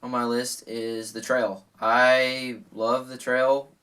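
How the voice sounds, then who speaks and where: A man's voice: medium pitch, flat delivery, slow pace, a bit bright. Young guy co-hosting, laughs a lot, um and uh everywhere, kinda far from the mic. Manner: laughs often, many fillers and restarts. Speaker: co-host. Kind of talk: casual chat.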